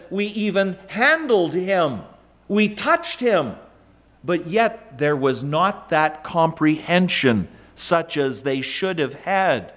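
Slow, earnest middle-aged male preacher. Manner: emphatic preaching with wide swings in pitch and loudness, gesturing. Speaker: pastor. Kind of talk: sermon. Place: church sanctuary, indoors.

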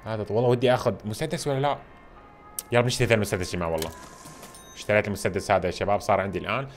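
A man giving casual, excitable commentary while playing a video game, talking to his viewers all the time. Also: fairly low pitch, racing, faint music behind. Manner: excitable, chatty, addresses viewers constantly.

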